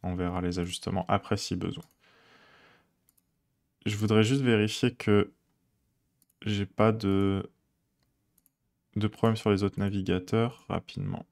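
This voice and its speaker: A man chats with his stream audience as he codes. His voice sits low with a gravelly fry. He rambles easily, hunts for words and laughs lightly at himself. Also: measured pace, pauses often. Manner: relaxed, rambling, many fillers, chuckles often. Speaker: streamer coding live. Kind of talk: casual live-coding stream chat.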